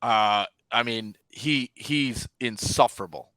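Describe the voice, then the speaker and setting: A man's voice: mid-range voice, slow, dry recording. A man co-hosting a casual sports podcast, telling stories animatedly and mimicking people as he goes. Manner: animated storyteller, mimics people mid-story. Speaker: podcast co-host.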